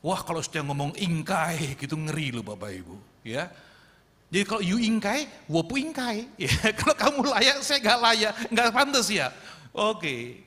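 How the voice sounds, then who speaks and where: Man preaching, high bright voice, long church reverb, animated, plays out quotes. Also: measured pace. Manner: animated, acts out quoted voices, addresses congregation often. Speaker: pastor. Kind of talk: sermon. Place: church sanctuary. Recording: echoey church hall.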